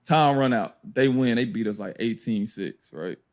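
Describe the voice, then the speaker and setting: A man telling a basketball story in casual chat, laughing and acting out teammates in loud high voices. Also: animated, normal speed. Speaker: former pro basketball player telling a story. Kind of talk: animated storytelling.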